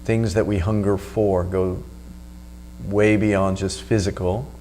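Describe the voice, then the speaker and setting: Low-voiced man teaching meditation over background hum. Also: little pitch movement, takes it slowly, warm tone. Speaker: meditation teacher and video host. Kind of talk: spoken meditation instruction.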